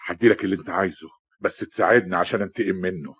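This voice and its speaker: Brief: husky, fast-talking Egyptian husband, vengeful, in a dry lo-fi 1960s radio play. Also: male voice, deep voice, dry recording. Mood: scheming. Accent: Egyptian Arabic. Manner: heated, shouting in bursts. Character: Abbas, cheated middle-aged husband, hot-tempered, vengeful. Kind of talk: 1960s radio drama acting. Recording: lo-fi old radio recording.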